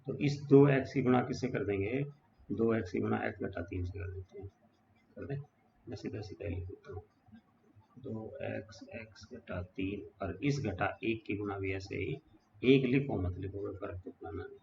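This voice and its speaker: Low gravelly guy teaching math step by step, keeps checking "right?", dull lo-fi sound. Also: moderate pace, darkish tone. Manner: explains step by step, often asking "है ना". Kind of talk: whiteboard math lesson. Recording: dull lo-fi sound with faint background noise.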